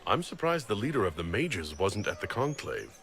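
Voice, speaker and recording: An earnest young hero in a game. His voice is bright and lively, and he asks questions in an open, sincere way. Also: lowish voice, moderate pace, a little hiss or hum.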